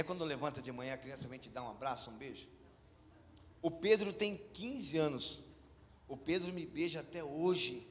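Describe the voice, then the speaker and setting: High, bright Brazilian pastor preaching. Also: male voice, a little hiss or hum. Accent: Brazilian Portuguese. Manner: animated storytelling, swings from hushed to shouted; leads congregation call-and-response. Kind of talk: sermon. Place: church hall. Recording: long church hall reverb.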